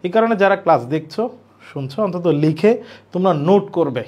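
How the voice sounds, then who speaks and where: Repetitive high-voiced male teacher. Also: expressive, darkish tone. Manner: explains slowly with many repetitions and questions to students. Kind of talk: online grammar lecture. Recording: dull lo-fi recording.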